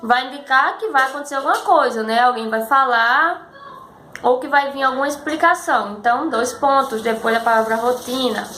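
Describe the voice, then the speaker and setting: Woman teacher, high voice, patient explanations, echoey room, faint noise. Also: pushed and bright. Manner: patient, explains slowly, often checks with "tá?". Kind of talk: recorded school lesson.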